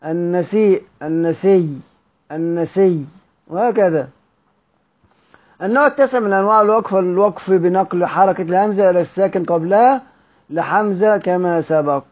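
High-voiced Egyptian man teaching recitation. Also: a little fast, darkish tone. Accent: Egyptian Arabic. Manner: repeats key words, quizzes listeners with rhetorical questions. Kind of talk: Egyptian Arabic lesson on recitation rules.

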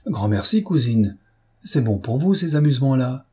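A man's voice: mid-range voice, very animated, moderate pace, mellow, breathy edge, pitched above the performer's own voice. A man voicing a wry young male officer in an audiobook, dry and mocking.

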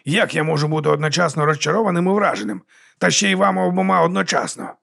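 A man's voice: fairly high pitch, expressive, fast, creaky, a bit bright, voice pushed up, heavily acted. A man voicing a sardonic, grumbling necromancer in an audiobook. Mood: stunned. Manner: sarcastic, grumbling.

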